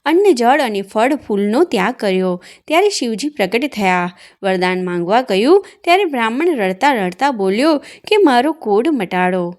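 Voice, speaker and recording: A woman narrating a devotional fasting tale in a steady, recited storytelling manner. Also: fairly high pitch.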